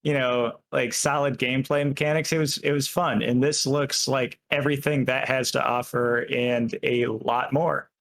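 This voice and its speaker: A man's voice: medium pitch, steady tone, moderate pace, hardly any pauses, a bit bright. A man co-hosting a casual video game chat show, swearing often, with plenty of filler words. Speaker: podcast co-host.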